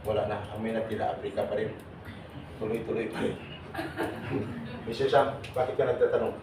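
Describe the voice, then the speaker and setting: A man's voice: on the low side, fairly even intonation, normal speed. Jokey man speaking in an echoey hall. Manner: teasing, jokey, calls on audience members. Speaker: seminar speaker for overseas workers. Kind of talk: lively seminar talk with audience questions. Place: large hall with audience. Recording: echoey hall, voice from far off, noisy.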